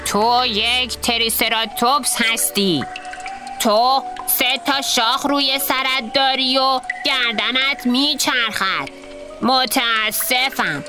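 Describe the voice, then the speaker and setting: A woman's voice: fairly high pitch, natural voice. A woman voicing a young boy dinosaur who patiently explains things, reading storybook dialogue over music. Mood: gentle. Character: young boy dinosaur, curious know-it-all. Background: background music.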